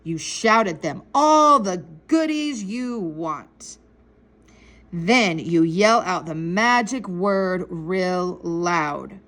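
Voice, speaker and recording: A woman voicing a sly thirteen-year-old boy who talks slowly and deliberately, like he is sharing a secret. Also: a little high, expressive, a bit bright. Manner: slow, deliberate, conspiratorial.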